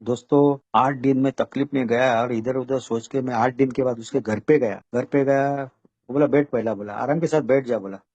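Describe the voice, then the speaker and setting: A man's voice: mid-range voice, steady tone, normal speed, a little mellow, dry recording, muffled recording. A man sharing his recovery story at an online meeting. He talks in a rambling way and keeps repeating "bola" and "doston". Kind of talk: personal recovery testimony.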